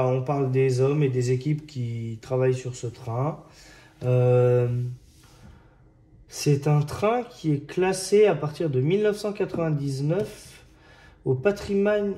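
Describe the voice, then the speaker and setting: A man's voice: medium pitch, mellow. A man casually presenting model kit issues, hesitant and chatty, with frequent fillers and restarts. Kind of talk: casual hobby video narration.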